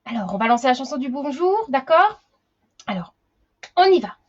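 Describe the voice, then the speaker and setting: A woman's voice: high voice, sing-song, moderate pace, muffled recording. Chatty woman teacher greeting children. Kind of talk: live online class for young children.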